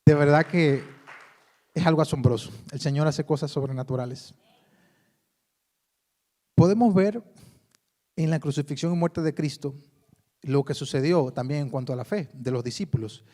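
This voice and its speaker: A man's voice: fairly high pitch, moderate pace, long pauses, mellow. A man preaching a sermon in a conversational way, often calling his listeners brother. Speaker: pastor.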